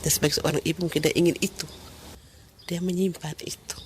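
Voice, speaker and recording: Flat-voiced woman, matter-of-fact account. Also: low voice, fast talker, a little hiss or hum. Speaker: interviewee, community member. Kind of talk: conversational testimony.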